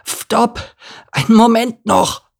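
Small timid donkey, lisping, breathless, high-pitched, storybook voice. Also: male voice, fairly even intonation, slow, creaky, exaggerated voice. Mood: pleading. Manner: breathless, pleading.

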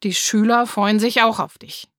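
A woman voicing a patient, loving father who reasons with his daughter in a gently firm, coaxing way, in a storybook reading. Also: fairly high pitch, fairly even intonation, normal speed, no room sound, studio quality, lightly acted.

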